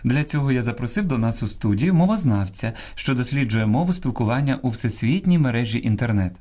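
Male radio host giving a language lesson; mellow tone, animated intonation, patient and didactic. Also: medium pitch, fairly quick. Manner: didactic, corrects common mistakes word by word. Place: radio studio.

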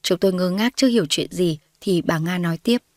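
This is scripted narration with voiced dialogue: a woman with a lowish voice reads a story fairly quickly, handling every character's lines in her own voice and getting louder when they shout. The recording is studio quality with no echo.

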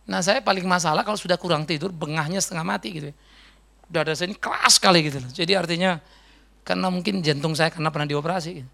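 A middle-aged man preaching a sermon as a pastor, in a conversational, animated way. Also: on the high side, racing, vocal fry. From Indonesia. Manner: conversational, animated storytelling with mimicked voices.

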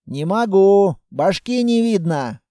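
Excitable sniper, proud of his gun, pitched up high, indignant bursts as a narrator voices him. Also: slow, no echo, studio quality. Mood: eager. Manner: indignant, eager.

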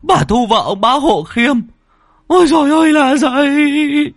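A male storyteller voicing a terrified old village sorcerer, wailing cries that climb very high and get loud and strained. His panic swings wildly in pitch, heard close and dry. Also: lively intonation, a little slow, no echo, exaggerated voice. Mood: panicked.

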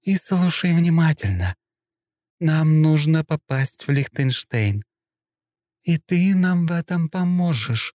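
A man voicing a haughty young princess in an audiobook, speaking coldly, slowly and with contempt. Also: on the high side, animated, a little mellow, no room sound, voice pushed up. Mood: menacing. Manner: cold, slow, contemptuous, threatening. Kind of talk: audiobook character voice.

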